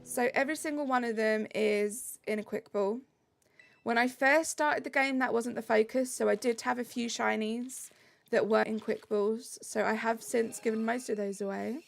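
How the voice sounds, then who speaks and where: This British game streamer talks casually over light music, cheerfully reading her chat aloud. Her slightly high, creaky voice keeps a steady tone at a normal speed.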